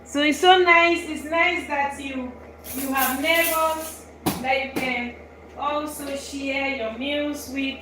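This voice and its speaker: A high-pitched woman from Belgium hosts a live cooking stream, talking slowly through every step as she works. Her voice rings in an echoey kitchen with steady background noise. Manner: chatty, explains each step while working. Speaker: cooking show host. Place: home kitchen.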